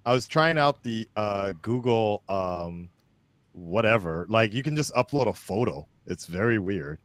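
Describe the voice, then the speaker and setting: Man, low voice, dry close sound, rambling, repeats himself, casual livestream guest. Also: expressive, measured pace, dry recording. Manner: rambling, repeats phrases while finding his point. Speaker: guest creator.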